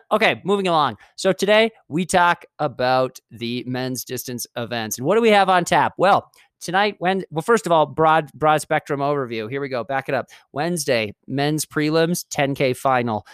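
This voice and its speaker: On the high side and fairly bright, this man's smooth voice sounds animated at a normal speed in a dry studio-mic recording. Hosting his own podcast alone, he chats and wanders off topic, fixing his sentences partway through.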